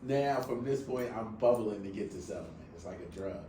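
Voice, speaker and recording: A man's voice: lowish voice, brisk, distant mic. A man hosting a book club, chatting casually and telling a story with lots of expression in his voice. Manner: animated storytelling, voice rising and falling with excitement. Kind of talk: casual chat. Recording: echoey room with faint background noise.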